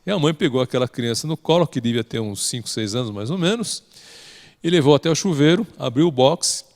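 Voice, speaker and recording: A man's voice: mid-range voice, animated, fairly quick. A man with a Brazilian Portuguese accent teaching a religious study lesson as a story, often ending phrases with a questioning "né?". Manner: tags sentences with a questioning "né?". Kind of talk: storytelling lecture. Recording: long hall reverb.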